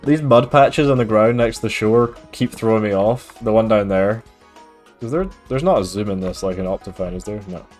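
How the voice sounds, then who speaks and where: At a normal speed and on the low side in pitch, a mildly accented Scottish streamer chats easily with viewers during a game, reading their messages and answering with frequent fillers. Soft music plays in the background.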